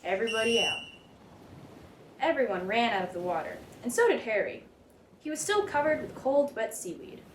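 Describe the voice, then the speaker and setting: A woman reads a children's picture book aloud with a highly animated, swooping, dramatic delivery at a fairly quick pace. Her voice is on the high side and expressive. The room gives noticeable echo, and a little background noise sits underneath.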